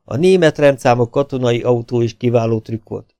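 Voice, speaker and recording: A man's voice: medium pitch, dark tone, no echo, clean studio sound, lightly acted. A man voicing a sly male villain baron who taunts his captives in a smug, raised voice. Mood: smug taunting.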